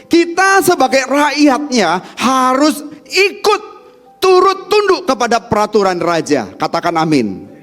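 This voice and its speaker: A man preaching a church sermon, swinging from shouting to near-whispers and calling the congregation to answer amen. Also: very high-pitched, wildly swooping pitch, measured pace. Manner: asks the congregation questions and calls for amens. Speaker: pastor. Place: church during a Sunday service.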